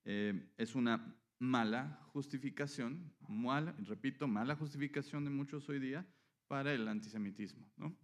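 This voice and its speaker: A man's voice: medium pitch, normal speed. A man preaching a sermon, explaining scripture and often checking in with listeners. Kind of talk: sermon teaching.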